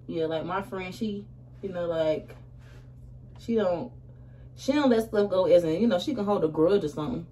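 A woman in her twenties with an American accent chats casually, full of slang, while she gets ready in a small room for her vlog. Her voice sits on the low side and has a mellow quality, moving at normal speed with long pauses. The camera picks her up from a short distance, so the sound is roomy with faint noise.

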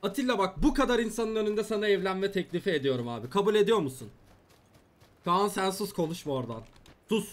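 High, lively young man joking with chat. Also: fast. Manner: joking, teasing, chatting with viewers. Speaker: gaming streamer. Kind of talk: casual gameplay commentary.

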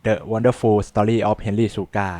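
A man's voice: fairly low pitch, little pitch movement, very slow, mellow. A man giving a casual spoken film review, loose and hesitant, with many fillers and restarts.

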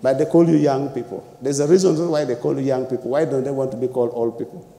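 A young man delivers an impassioned panel talk, piling up repeated phrases for emphasis. His voice is dark and gravelly, with a long hall reverb around it. He speaks through a lapel mic in a lecture hall. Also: medium pitch, steady tone, fast, a little hiss or hum. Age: young adult. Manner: emphatic, repetitive rhetorical phrasing with gestures.

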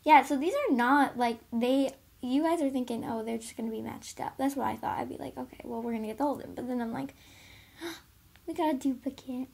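A woman with a high, slightly gravelly voice chats about toys in a casual, giggly way. She sits in a carpeted room at home, talking to a camera set on the floor. Her delivery is loose and playful. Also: a little fast, a little mellow. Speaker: toy reviewer. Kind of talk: casual toy unboxing chat.

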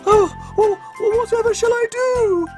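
Man putting on a very high, flustered storybook goose. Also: moderate pace, over music. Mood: distressed. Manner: stammering, honking. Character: flustered, friendly female golden goose in a children's story.

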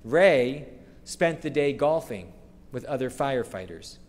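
A middle-aged man, a rabbi, giving a measured, earnest sermon at a lectern microphone, slowing for emphasis. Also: mid-range voice, animated. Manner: measured, earnest preaching with slow emphatic phrases. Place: synagogue sanctuary, standing at a wooden lectern. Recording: long reverb of a large hall.

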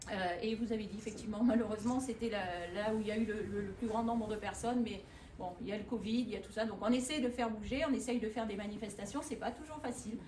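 A woman who is a local elected official gives a halting opening speech at an art exhibition, full of fillers and restarts. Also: mid-range voice, fairly even intonation, dark tone, far from the mic, slight background noise. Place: exhibition room in an old town hall. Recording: echoey room, voice from afar, faint ambience.

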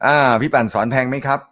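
A man hosting a casual live stream, reading viewer comments, with a naturally loud voice and a joking, chatty manner. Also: on the high side, husky. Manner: joking, laughs often, chatty. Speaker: host of a snooker live show.

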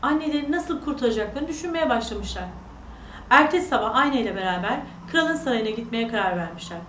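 Animated woman telling a bedtime fairy tale. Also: fairly high pitch, fast talker, a little hiss or hum. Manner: animated, sing-song storytelling. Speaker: storyteller. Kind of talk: children's fairy tale narration. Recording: echoey room, far from mic.

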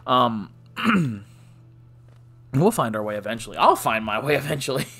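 A man's voice: medium pitch, big pitch swings, normal speed, sharp tone, breathy edge, faint music behind. A man giving casual let's play commentary, joking and self-deprecating, often sighing. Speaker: gaming channel host.

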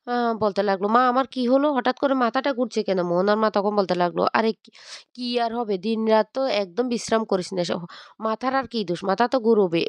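A woman retells a family drama serial in a rapid, casual storytelling style, slipping into each character's lines without really changing her voice. Her tone is smooth and clear, and she often restarts words and uses fillers. The recording is dry and close, with no room sound. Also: mid-range voice, no room sound. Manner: reads all characters' lines in much the same voice. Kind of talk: casual storytelling narration with quoted dialogue.

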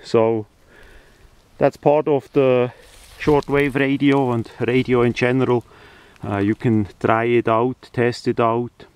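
Here a man with a mid-range, darkish voice speaks slowly and with little pitch movement; the sound is clear and resonant, without echo. English isn't his first language, and as a hobbyist video maker he hesitantly demonstrates something hands-on, casually, outdoors beside a ground tarp.

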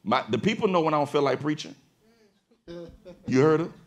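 On stage in a studio with an audience, a pastor who hosts a podcast moderates a panel in a preacherly style that builds to forceful high points. He speaks a little fast in a slightly high voice, and the audio is dull.

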